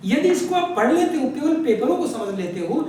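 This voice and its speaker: A male teacher walking through an exam paper, asking his own questions and answering them, stretching key words slowly. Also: very high-pitched, sing-song, darkish tone, slight background noise. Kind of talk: exam paper walkthrough lesson. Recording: very echoey room from far off.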